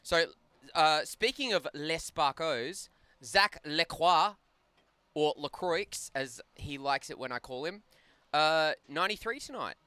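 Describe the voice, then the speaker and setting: A man's voice: a little high, animated, unhurried, bright, forceful tone, clear, resonant tone, dry recording. A man doing joking play-by-play commentary on a live hockey stream, bantering and laughing with his co-host. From Australia. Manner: chatty, banters and laughs often.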